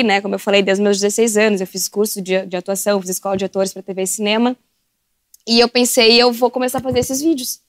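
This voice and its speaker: Fast-talking southern Brazilian woman. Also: a little high, no echo, clean studio sound. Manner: animated storyteller, laughs often. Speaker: podcast guest. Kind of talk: casual podcast chat.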